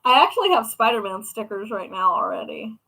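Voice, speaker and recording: A woman's voice: medium pitch, sing-song, brisk, creaky, sharp tone, husky, rough recording. A young woman and craft shop owner chatting casually with viewers, rambling along with lots of fillers. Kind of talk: casual chat answering viewers.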